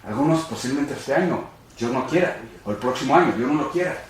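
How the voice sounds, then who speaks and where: A man's voice: mid-range voice, lively intonation, quick pace. A man giving an emphatic, repetitive sermon-style Bible class in a church sanctuary. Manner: emphatic, repetitive, addresses listeners as brothers and friends. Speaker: pastor teaching a Bible class. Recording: echoey church room.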